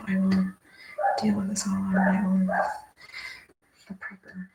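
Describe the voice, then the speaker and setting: Over a very noisy, click-filled recording, an American woman rambles casually to herself during a card game, asking questions and then answering them. Her mid-range, gravelly voice is completely flat and unhurried.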